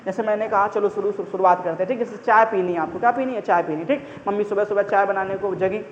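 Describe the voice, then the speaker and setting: A man's voice: high-pitched, fast talker, echoey room, big-room sound. Brief: friendly male grammar teacher, repetitive, muffled lo-fi recording with faint hiss. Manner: chatty, repetitive, keeps calling listeners brother; everyday examples, constant checking-in fillers. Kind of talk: casual exam-prep grammar lesson.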